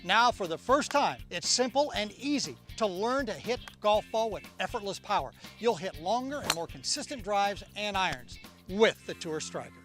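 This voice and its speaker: A man's voice: sits high, expressive, moderate pace, music in the background. A man hosting a product infomercial, talking up what he sells. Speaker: infomercial host.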